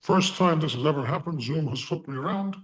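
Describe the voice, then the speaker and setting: A man teaching a live online class in deliberate short phrases, his voice disguised as deep and unclear by a voice changer. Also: animated. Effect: voice changer giving a disguised deep, Darth Vader-like voice. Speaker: online course instructor. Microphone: online video call through a voice changer.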